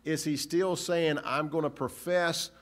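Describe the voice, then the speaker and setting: A man's voice: a little high, fairly even intonation. A man preaching a sermon in an earnest, searching way, asking rhetorical questions and often restarting phrases. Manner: halting restarts.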